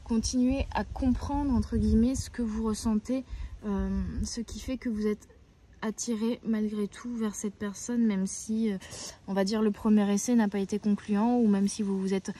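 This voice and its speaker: A woman giving weekly oracle card guidance outdoors, gentle and reassuring, often pausing to search for her words. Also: medium pitch, steady tone. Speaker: tarot and oracle card reader. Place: outdoors, near a tree.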